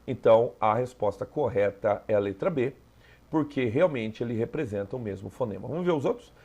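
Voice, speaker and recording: A man's voice: mid-range voice, animated, a little fast, darkish tone, slightly rough, dull audio. A Brazilian man going through an exam as a teacher, explaining step by step and often checking in with the listener. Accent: Brazilian Portuguese. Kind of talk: exam review lesson.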